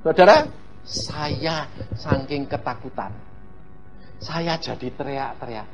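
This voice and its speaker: A middle-aged man, preaching a sermon as a lively story, acting out voices and laughing often. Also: a little high, slow pace, over music. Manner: animated, acts out voices, laughs often, addresses congregation. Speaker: evangelist preacher.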